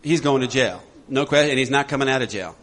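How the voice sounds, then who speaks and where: A man leading a recovery workshop for a group, animated and laughing often as he acts out voices. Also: mid-range voice, quick pace. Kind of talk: talk to a group.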